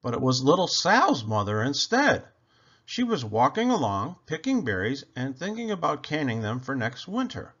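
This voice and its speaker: A man reading a children's story aloud in an expressive, deliberate storytelling manner. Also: medium pitch, slightly rough, highs cut off. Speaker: children's book reader. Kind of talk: scripted storybook narration, read aloud.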